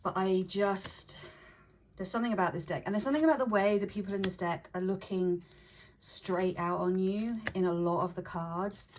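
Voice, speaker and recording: A woman vlogger chatting casually to camera, breathy and a little short of breath with hay fever, often restarting and repeating her phrases. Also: medium pitch, normal speed, a little mellow, a little hiss or hum, rough recording. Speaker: vlogger showing tarot decks.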